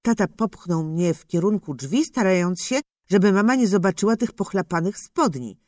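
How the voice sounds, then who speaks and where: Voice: mid-range voice, lively intonation, moderate pace, darkish tone, no echo, clean studio sound. A narrator reading a children's story in the first person as a young boy, telling it expressively. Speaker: audiobook narrator.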